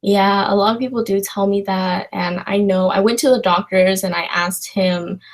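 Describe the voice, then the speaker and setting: A young woman from China hosts a casual livestream, answering viewer questions in a rambling, hesitant way. Her voice is medium-pitched, with fairly even intonation and a normal speed.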